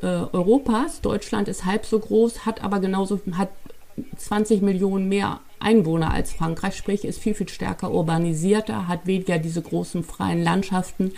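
A woman from Hamburg with a Hamburg German accent, a travel journalist answering interview questions thoughtfully, with frequent filler pauses. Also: mid-range voice, creaky, mellow. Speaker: guest, travel journalist and author.

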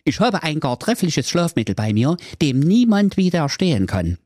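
A man plays an overconfident, scrawny young prince from a storybook. He talks smug and mock-formal with lively swings. The sound is dry. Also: on the high side, moderate pace, no echo, voice pushed up.

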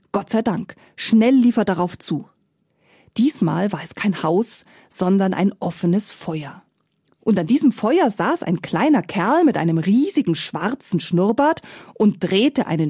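A woman storyteller narrating a fairy tale in a lively, playful way, recorded close and dry. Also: mid-range voice, breathy edge, dry recording.

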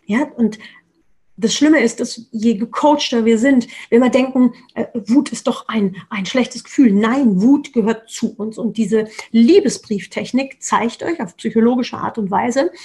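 A middle-aged woman, a keynote speaker and trainer, giving a webinar talk with emphatic, repeated statements that swing between loud and quiet. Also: on the high side. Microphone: webinar microphone.

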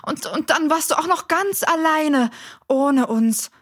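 A woman's voice: high voice, unhurried. A woman playing a curious, caring girl in a children's audio drama, who asks questions and comforts her friend.

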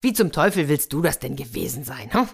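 A woman's voice: low-pitched, very animated, a little fast, vocal fry, slightly rough, full character voice. A woman voicing the scornful elder brothers in a storybook tale, talking down to their youngest brother. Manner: mocking, dismissive.

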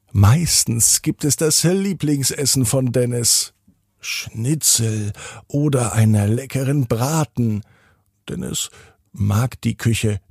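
A man reading a children's bedtime story with gentle storyteller pacing. His voice is gravelly and a little husky. It sounds close and dry over soft music. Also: medium pitch, no echo. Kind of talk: scripted bedtime story narration.

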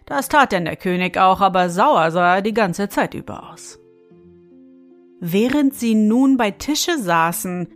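A woman tells a fairy tale at an unhurried, deliberate pace. She reads expressively and turns to the listener with small asides. Soft music plays faintly behind her. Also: medium pitch. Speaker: storyteller.

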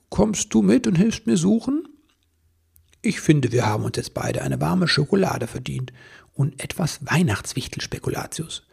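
A man voicing a gentle old santa, warm, chuckling, gravelly and husky. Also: a little high, full character voice.

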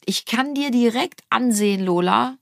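A woman's voice: a little high, moderate pace, vocal fry, dry recording. A middle-aged woman hosting a family podcast in a studio, chatty, teasing and insistent. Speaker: podcast host. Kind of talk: casual family podcast chat. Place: recording studio. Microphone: studio mic.

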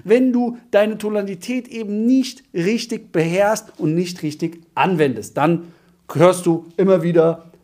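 A man teaching cold calling in a punchy, emphatic way, with sound words like boom and zack. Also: a little slow, a little mellow. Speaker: cold-calling sales trainer. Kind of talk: instructional sales training talk.

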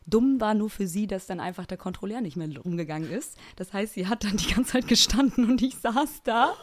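A young woman co-host chatting casually on a podcast. Her talk is animated, slangy and self-mocking, and her voice sits at an ordinary pitch for a woman. She tells her stories with plenty of energy. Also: brisk. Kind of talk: casual chat.

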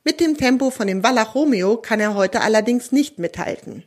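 A woman's voice: a little high, expressive, moderate pace. Woman reading a children's story.

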